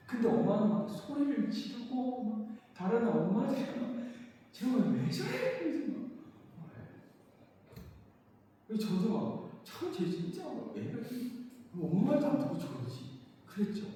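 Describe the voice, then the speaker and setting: Lively high-voiced man preaching in an echoey hall. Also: a little hiss or hum. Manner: animated storytelling with sharp swings between loud and soft. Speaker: pastor. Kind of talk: sermon. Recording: echoey church hall from a distance.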